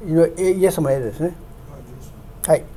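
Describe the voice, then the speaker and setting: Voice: medium pitch, mellow, a little hiss or hum. Emphatic preacher with swelling peaks. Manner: swells to emphatic, raised peaks on key words; slows down to read scripture aloud. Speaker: pastor. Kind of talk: sermon. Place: church sanctuary with projector.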